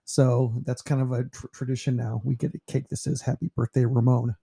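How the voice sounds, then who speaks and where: A man of about fifty from New York, a teacher narrating a slideshow about himself in a relaxed, rambling way with lots of fillers. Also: mid-range voice, brisk, creaky, breathy edge. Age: 50s.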